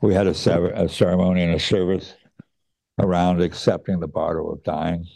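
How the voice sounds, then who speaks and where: A middle-aged man with a very low voice and a gravelly edge recounts a personal memory. He speaks slowly and reflectively, with hesitant pauses and a few restarted words. His tone is dark and mellow. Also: level tone. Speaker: student recounting his teacher's death. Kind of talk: personal storytelling.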